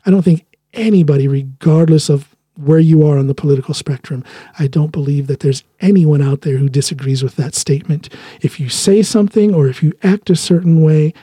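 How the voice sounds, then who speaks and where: A podcast host, a native English speaker, delivers a loose solo monologue in a slightly high, warm, somewhat rough voice at a fairly quick pace, with no echo. He talks earnestly and often restarts his sentences.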